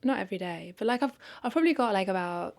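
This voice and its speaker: A woman vlogs to the camera in a casual, confessional way, her mid-range voice gravelly, animated and quick. She sounds hesitant and reflective, second-guessing herself and repeating phrases.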